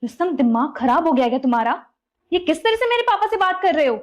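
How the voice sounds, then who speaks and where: A woman's voice: high-pitched, very animated, fast talker. An actress playing a defiant young wife who scolds her husband indignantly.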